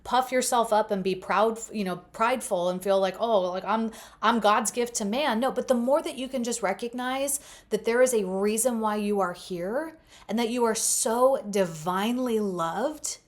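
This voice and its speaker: A woman's voice: on the high side, moderate pace. A woman hosting a podcast, giving an earnest, encouraging faith-based monologue full of repetitions and casual fillers. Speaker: podcast host.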